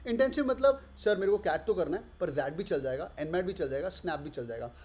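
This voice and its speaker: High-voiced energetic male coaching teacher. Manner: energetic, switches quickly between languages, voices student questions. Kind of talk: course promotion pitch.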